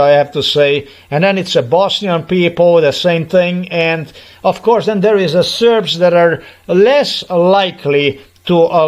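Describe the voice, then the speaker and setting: Middle-aged man, slightly high voice, unhurried, aggrieved and insistent vlog monologue. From Slovenia. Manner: aggrieved, repetitive, emphatic. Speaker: vlogger. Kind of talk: personal monologue to camera.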